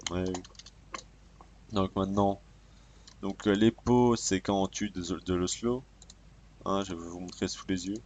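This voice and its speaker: A man's voice: sits low, steady tone, unhurried, pauses often, a little mellow. A man casually commenting while showing off a game mod, joking and swearing as he plays, recorded on a cheap microphone. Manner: casual and profane, joking, mutters to himself while playing. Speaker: gamer showcasing a mod. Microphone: cheap desk microphone. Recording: cheap mic with faint background noise. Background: keyboard clicks and typing.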